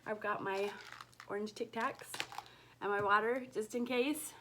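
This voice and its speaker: A woman at home talking through a casual video, gushing over small things and sometimes dropping to a near whisper. She is just over an illness. Her voice sits at an ordinary middle pitch, with a faint hiss under the recording. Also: steady tone, unhurried. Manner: chatty, gushing, drops into soft whispers when admiring her stitching. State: recovering from illness, voice recently lost. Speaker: cross-stitch vlogger. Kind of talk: casual chat to camera.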